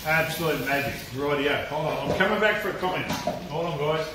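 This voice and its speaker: A man's voice: on the high side, fairly quick, noisy background. An Australian man hosting a casual live cooking stream, chatting loosely to viewers, swearing freely and laughing often, in a home kitchen. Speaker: cooking channel host. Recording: echoey room.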